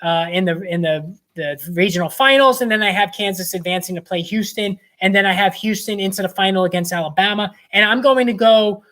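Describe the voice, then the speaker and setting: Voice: mid-range voice, fairly quick, a bit bright. Casual sports predictions host, confident picks, lots of uh and you know, talks in loose restarts. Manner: rambling, many fillers and restarts. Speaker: sports bracket analyst host.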